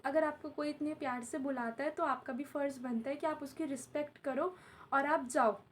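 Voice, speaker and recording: A woman's voice: high-pitched, fairly even intonation, moderate pace, slight background noise. A young woman vlogging casually from home, chatty and repetitive. She is unwell and in pain. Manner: chatty, repeats herself, addresses viewers as guys. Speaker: vlogger and tuition teacher. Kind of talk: casual vlog talk to camera. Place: at home while her mother does her hair.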